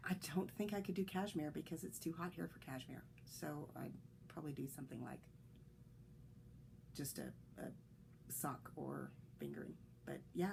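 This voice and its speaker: Hosting a knitting podcast solo, a woman chats casually and rambles with fillers and restarts, sounding slightly congested and coughing. Her voice is low with vocal fry and a darkish tone; the audio is poor, with slight background noise.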